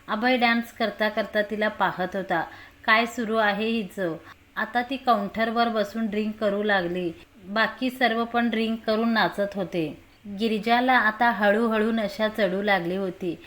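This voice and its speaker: A woman reading a romantic story aloud and voicing all of its characters herself. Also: mid-range voice. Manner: voices every character herself, lively dialogue. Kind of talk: scripted story narration.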